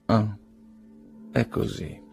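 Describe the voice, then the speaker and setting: A man's voice: medium pitch, normal speed, a little mellow, soft background music, lightly acted. A man voicing a proud, irritable old aristocrat. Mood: icy ironic. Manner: cold and ironic, flaring into indignant outbursts.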